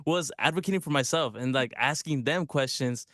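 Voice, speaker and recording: A young man from Mexico City, a guest on a radio talk show, telling his story in a relaxed way with lots of fillers. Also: medium pitch, a little fast, no room sound, studio quality. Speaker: guest, program fellow. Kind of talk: casual interview.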